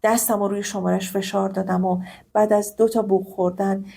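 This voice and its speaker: Woman telling a first-person story, emotional and close, husky voice. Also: medium pitch, level tone, warm tone.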